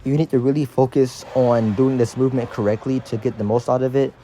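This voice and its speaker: A man's voice: medium pitch, steady tone, fairly quick, dark tone, a little hiss or hum. A man giving a casual, slangy exercise tutorial as a fitness instructor, his speech slightly impeded by dental braces.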